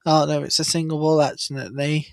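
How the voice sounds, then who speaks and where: A man hosting a live cricket watchalong, chatty and excitable, jumping up in pitch at big moments. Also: moderate pace, vocal fry, dry recording. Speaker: watchalong host.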